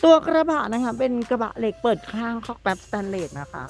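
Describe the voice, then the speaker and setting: A woman's voice: on the high side, animated, a little fast, vocal fry. A woman gives an enthusiastic, chatty walkaround of a customized truck at an outdoor workshop. Her speech is polite throughout. Faint music plays underneath her voice. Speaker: presenter for a truck body workshop channel. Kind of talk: walkaround vehicle showcase.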